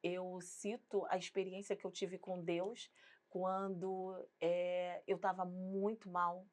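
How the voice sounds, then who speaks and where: A woman's voice: fairly low pitch, little pitch movement, slow pace. A woman pastor with a Brazilian Portuguese accent, giving an earnest, emotional faith testimony in an interview, rising to fervent intensity. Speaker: pastor and singer, guest.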